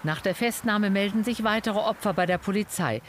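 A man with a notably high voice narrates a news report in a sober, measured tone. A faint hiss of background noise sits under the read. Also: fairly bright tone. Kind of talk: scripted news voice-over.

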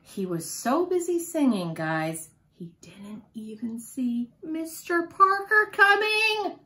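Reading a picture book to a child, this storyteller uses a high, bright voice with a lively, sing-song lilt. She frequently pauses to ask her young listener questions.

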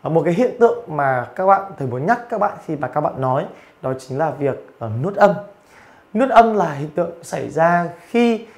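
A man's voice: on the high side, animated, moderate pace. Patient male teacher. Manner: explains patiently with rhetorical check-in questions and frequent "uh" fillers. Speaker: English teacher. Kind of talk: online grammar and pronunciation lecture.

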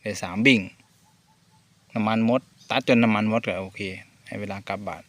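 A man's voice: fairly low pitch, steady tone, a little fast. A Thai man from Korat, a sugarcane farmer, chatting in a loose, easygoing vlog with a Korat accent and Isan words mixed in. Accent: Korat (Nakhon Ratchasima) Thai, mixing in Isan/Lao words. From Thailand. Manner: easygoing, chuckling, loose and meandering. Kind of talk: casual rambling vlog talk. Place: farm field outdoors.

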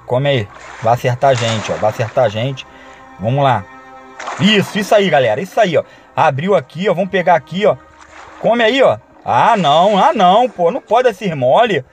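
A young Brazilian man with a Brazilian accent giving excitable gameplay commentary, shouting and chanting in the busy moments. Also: a little high, normal speed. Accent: Brazilian Portuguese. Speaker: gaming YouTuber. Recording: loud game music underneath.

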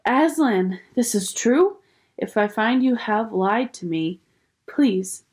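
A woman's voice: fairly high pitch, animated, slow, a little mellow. A woman playing a cruel, imperious witch queen. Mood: commanding. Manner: cold and terrible.

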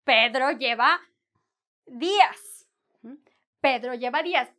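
Bright, unhurried woman teaching Spanish. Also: high-pitched. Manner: playful, animated, drawn-out syllables for practice. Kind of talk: bilingual language lesson.

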